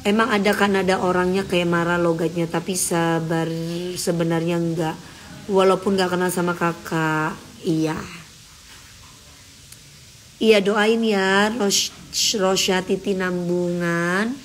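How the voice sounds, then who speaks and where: A woman's voice: lowish voice, steady tone, slow pace, pauses often, slight background noise. A woman hosting an Instagram live, chatting casually with her viewers and speaking firmly and emphatically. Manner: firm, emphatic, talks straight to commenters.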